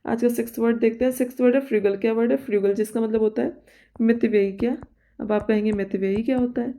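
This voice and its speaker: Female vocab tutor, mellow, monotone delivery, self-correcting. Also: a little high. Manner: explains by listing synonyms, checks with "theek hai"; reads English example sentences slowly and deliberately. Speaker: vocabulary teacher. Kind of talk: exam-prep vocabulary lesson.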